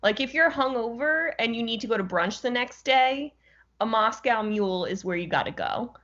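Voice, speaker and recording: A woman's voice: fairly high pitch, expressive, normal speed, a bit bright. A woman co-hosting a casual podcast chat, teasing her friend with playful indignation. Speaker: podcast co-host. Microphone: video call. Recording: dull lo-fi call audio.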